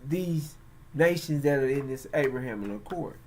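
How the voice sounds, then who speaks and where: A man hosting religious and political commentary, speaking in a halting, emphatic way with frequent pauses. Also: medium pitch, animated, slight background noise. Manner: slow, halting, emphatic delivery. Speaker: host.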